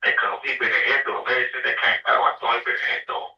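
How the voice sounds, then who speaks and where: A man's voice: mid-range voice, level tone, quick pace. A man on a prison phone call, rambling in casual chat full of profane street slang. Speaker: defendant on a jail call. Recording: muffled, distant phone line in an echoey room.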